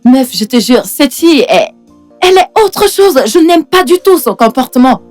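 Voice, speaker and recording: Film dub: short-tempered young madam; piercingly high female voice, swinging intonation, scolding, haughty. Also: very animated, normal speed, darkish tone, soft background music. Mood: scornful, irritated. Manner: indignant, scolding, repetitive. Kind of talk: dubbed film drama.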